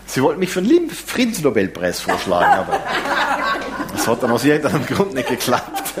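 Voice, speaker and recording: A man preaching a sermon, lively and warm in his asides, with some self-deprecating humor. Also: medium pitch, a little fast, over a noisy crowd, very noisy. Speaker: pastor.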